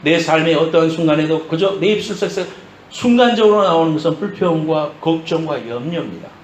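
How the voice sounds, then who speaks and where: Emphatic Korean-speaking pastor in echoey church. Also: male voice, on the high side, animated, slight background noise. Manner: preaching with rising emphatic peaks and slow stressed phrases. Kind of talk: sermon. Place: church sanctuary with congregation.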